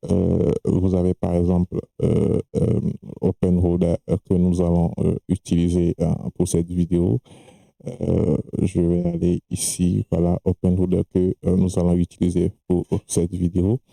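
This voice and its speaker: A man presenting a screen-recorded software tutorial, talking hesitantly with many fillers and restarts, not a native French speaker. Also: low voice, completely flat delivery, normal speed, gravelly, no echo, rough recording.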